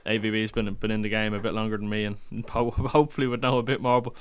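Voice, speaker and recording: A man's voice: on the low side, flat delivery, fast talker, clear, resonant tone. A man chatting casually about fantasy football on a podcast, opinionated and full of restarts. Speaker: podcast panelist.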